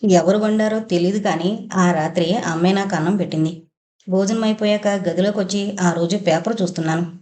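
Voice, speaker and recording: A woman narrating a first-person audio novel in a steady, even storytelling manner. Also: medium pitch, brisk.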